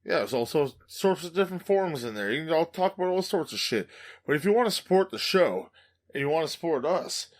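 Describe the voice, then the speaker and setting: A man co-hosting a gaming podcast in rowdy, casual chat. He jokes, swears freely and hypes up the plugs in a slightly high voice. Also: big pitch swings, fast talker. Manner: joking, profane, hype-man plugs. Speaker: podcast co-host.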